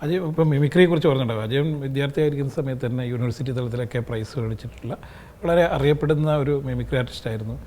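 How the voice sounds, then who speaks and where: A man's voice: medium pitch, very fast, mellow, slight background noise. A man hosting an interview, who sets up context before asking his questions and murmurs short acknowledgements while the guest talks. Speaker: interviewer, host.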